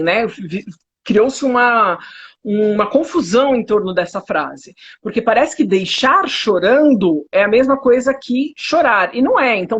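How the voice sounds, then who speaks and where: A psychotherapist with a Brazilian accent, speaking emphatically with indignant rhetorical questions in a conversational interview. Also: female voice, medium pitch, fairly bright tone, breathy edge. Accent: Brazilian Portuguese. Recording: dull lo-fi audio.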